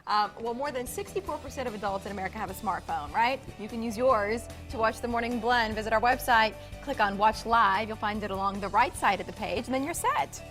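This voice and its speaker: A woman's voice: on the high side, brisk, few pauses, a bit bright, soft background music. A woman hosting a local morning TV show, encouraging and upbeat as she talks to guests and viewers. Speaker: TV host.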